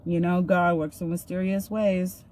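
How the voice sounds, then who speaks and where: Her fairly low, slightly mellow voice moves little in pitch and keeps a measured pace. In her thirties, this vlogger sits in a parked car, phone camera at arm's length, doing her makeup while telling a personal story in an earnest, chatty, filler-laden way.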